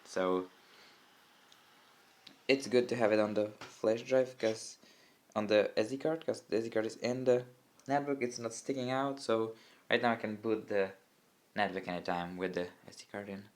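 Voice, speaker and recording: A young Czech tech hobbyist, Czech-accented since it's his first language, explains a computer install in casual tutorial commentary. His voice sits on the low side with fairly even intonation at a normal speed, and he rambles, fixes his own mistakes, and mutters to the camera. He's at a desk by a window indoors, recorded lo-fi on an old smartphone camera mic with faint room noise.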